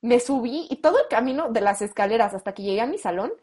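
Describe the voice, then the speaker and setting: A young woman with a Mexican accent, close to twenty, telling a story in casual chat, animated and full of slang, acting out what people said. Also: fairly high pitch, quick pace. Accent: Mexican Spanish. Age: late teens. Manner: animated, slangy, acts out quoted lines. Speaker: guest.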